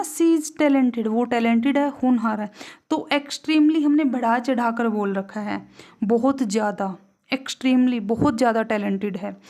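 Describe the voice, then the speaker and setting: A young woman with an Indian accent teaching an English grammar lesson in Hinglish. She asks questions and answers them herself, and she reads each example sentence slowly before translating it. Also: a little high, darkish tone.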